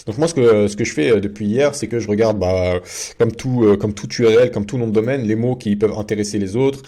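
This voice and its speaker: A man's voice: fairly low pitch, a little fast, dark tone. A man giving a casual screen-share tutorial as a video host, talking in a chatty way with many fillers and restarts.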